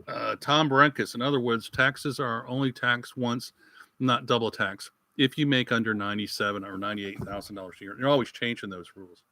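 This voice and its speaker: A man's voice: mid-range voice, steady tone, fairly quick, pushed and bright, slight background noise. A man from the United States hosting a live Q&A, answering viewers in a folksy, rambling, chatty way from his rural home. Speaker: channel host answering viewer questions. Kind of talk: live-stream Q&A chat.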